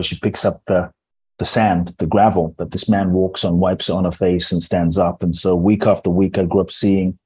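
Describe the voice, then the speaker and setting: A transformational teacher from Ghana who grew up in London speaks as a podcast guest, earnest and measured, often restarting his sentences as he tells reflective stories. His voice is low, dark and slightly rough, and the recording is dry and rough.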